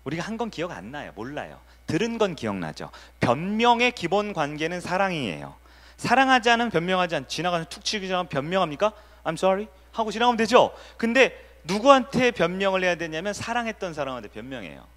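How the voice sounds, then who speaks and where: A male pastor preaches a sermon in a conversational way and keeps putting questions to the congregation. His voice sits fairly high and moves a lot. A long church-hall reverb trails every line. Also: big pitch swings, fast talker, fairly bright tone. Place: church sanctuary.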